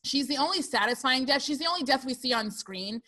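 A woman co-hosting a casual movie discussion, animated and sarcastic, laughing often as she talks. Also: high voice, a little fast. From lives in Burbank, Los Angeles area. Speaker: podcast co-host.

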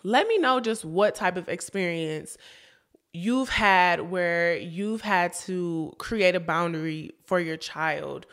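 A woman's voice: lowish voice, slow, fairly bright tone. A young woman hosting a casual podcast for moms, chatty, often laughing and calling her listeners y'all. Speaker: podcast host.

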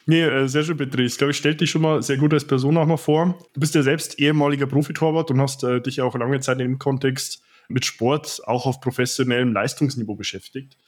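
A man with a medium-pitched, steady voice speaks a little fast as he hosts a podcast interview. A personal trainer, he asks long, wordy questions full of fillers and repeats "auch" many times.

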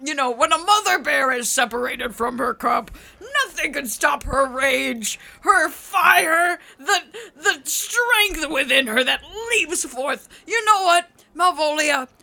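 A woman's voice: high-pitched, expressive, takes it slowly, creaky, hardly any pauses, sharp tone, exaggerated voice. A woman voicing a bombastic bear who enforces the law and likes to play tour guide, talking in a gushing, stammering, theatrical way. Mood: overwrought.

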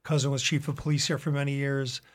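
A man's voice: mid-range voice, level tone, fast talker. An older man in his seventies, a veteran from Long Island, recalling his service and life in a personal radio interview. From Long Island, New York, USA. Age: 70s. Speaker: guest, retired veteran and painter.

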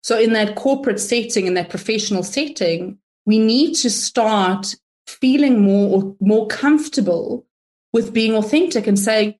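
A woman, a guest in a casual interview, talking in a chatty, animated way and acting out her own inner thoughts. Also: fairly high pitch, a little slow. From South Africa.

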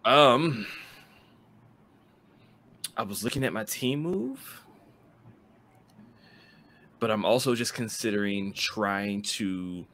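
A man's voice: on the low side, expressive, takes it slowly, pauses often, fairly bright tone. A man playing a tabletop role-playing game, hesitant and full of fillers as he explains what his character does. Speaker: player. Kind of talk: casual tabletop game play.

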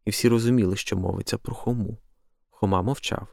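Low, gravelly male story reader. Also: steady tone, fairly quick, darkish tone, dry recording, studio quality. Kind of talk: literary story reading.

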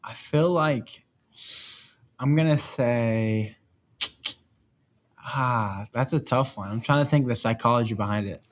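A man's voice: medium pitch, a little slow, long pauses. A young man answering his dad's trivia questions, thinking aloud in a playful, exclaiming way. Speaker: quiz contestant. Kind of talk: casual family trivia chat.

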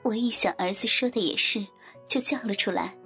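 Woman softly narrating an erotic audiobook. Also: mid-range voice, fairly quick, soft background music.

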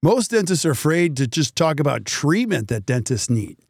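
A man hosting a casual interview, asking questions in a halting, roundabout way. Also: a little high, very animated, vocal fry, breathy edge, no echo, clean studio sound. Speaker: interview host, dentist.

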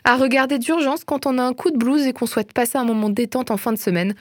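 A young woman with a slightly high voice chats eagerly about films and shows she loves. She talks in an easygoing, lively way and laughs often. The recording is close and dry. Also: fast, no echo. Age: young adult. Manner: chatty, enthusiastic, laughs often. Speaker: host. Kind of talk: casual film and series recommendations.

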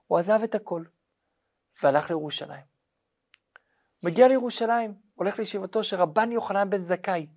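A man, a rabbi, telling a religious story in a lively, dramatic way, often checking that listeners follow. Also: sits high, pauses often. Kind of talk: storytelling lesson.

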